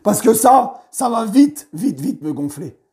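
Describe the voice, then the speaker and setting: Hoarse, fired-up man ranting. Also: sits high, measured pace, crowd noise. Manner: heated, animated, swears freely. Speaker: football fan debriefer. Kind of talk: post-match vlog rant.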